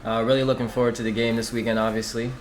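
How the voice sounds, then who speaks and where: A man's voice: mid-range voice, little pitch movement, racing, a little hiss or hum. A young man from Iowa chatting casually as a sports guest. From Iowa, United States. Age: young adult. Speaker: soccer player, podcast guest. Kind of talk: casual chat.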